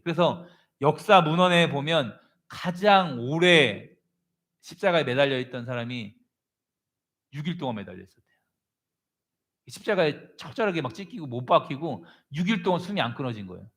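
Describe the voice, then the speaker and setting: A male pastor preaching a sermon, telling a story with animated delivery and calling on congregation members by name. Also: on the high side.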